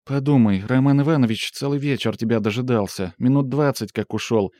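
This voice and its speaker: A man reading aloud and voicing an anxious, devoted young woman, his voice lifted higher and urgent with worry. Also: fairly quick, warm tone, no room sound, clean studio sound, close to an everyday voice. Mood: worried. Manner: raised, urgent, worried pleading.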